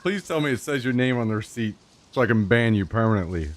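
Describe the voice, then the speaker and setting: A man holds forth on a live stream, swearing freely and sounding exasperated. His voice sits at an ordinary mid pitch for a man. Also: animated, quick pace. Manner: profane, exasperated ranting. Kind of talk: casual live stream rant.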